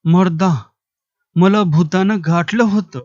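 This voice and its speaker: A man's voice: sits high, slow, a little mellow, no echo, highs cut off. A man voicing an anxious, superstitious village father who talks in rustic speech. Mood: uneasy.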